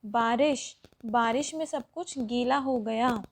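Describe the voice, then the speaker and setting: A woman with a high voice walks children through a worksheet lesson. She explains patiently and step by step, pausing on each example. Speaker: teacher.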